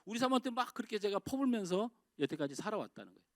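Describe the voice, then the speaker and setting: A middle-aged man preaching a sermon with a fairly high voice. He asks the congregation questions and swings between raised exclamations and quiet phrases. The sound is dry and close, with little room echo. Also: very animated, rapid-fire. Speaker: pastor. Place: church sanctuary.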